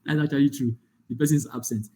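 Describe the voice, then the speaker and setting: A man gives a live lecture over an online call. His voice is mellow and relaxed, and it sits at an ordinary pitch for a man. He walks through examples and keeps checking whether the class follows. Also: fast. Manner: explains with examples, often checks the class understands. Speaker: data analytics instructor.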